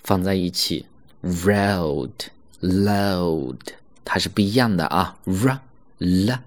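A man teaching English pronunciation in an online lesson, slowly stretching out English words to demonstrate them. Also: low-pitched. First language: Mandarin Chinese.

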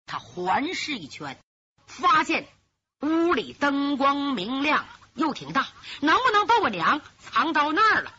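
A woman's voice: high voice, big pitch swings, a little slow, sharp tone, full character voice. A woman doing a young swordsman hero musing. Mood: anxious. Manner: musing to himself. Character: young male swordsman hero, worried about his mother. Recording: lo-fi, dull recording.

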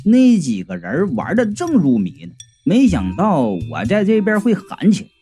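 Animated high-voiced male storyteller. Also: moderate pace, faint music behind. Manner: animated, exclamatory, comic. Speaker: narrator. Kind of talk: humorous storytelling audiobook.

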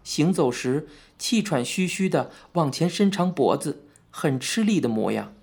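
A man reading a novel aloud as an audiobook narrator, in a measured, even storytelling manner. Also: fairly high pitch, creaky, husky. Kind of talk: scripted narration.

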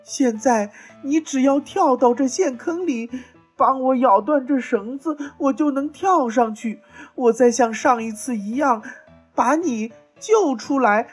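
A woman voicing a desperate trapped deer parent in a children's storybook, begging in a high pleading voice. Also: measured pace, a little mellow, breathy edge, soft background music.

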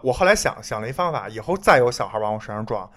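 A man's voice: medium pitch, quick pace. A man in a casual podcast chat, telling stories bluntly and with frequent swearing. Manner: blunt, profane, animated storytelling. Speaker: podcast co-host.

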